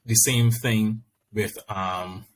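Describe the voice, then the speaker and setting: A man with a Barbadian accent talking conversationally on a podcast, explaining and arguing his points in a measured way. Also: fairly low pitch, fairly even intonation, low-quality recording. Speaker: podcast speaker. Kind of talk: conversational discussion.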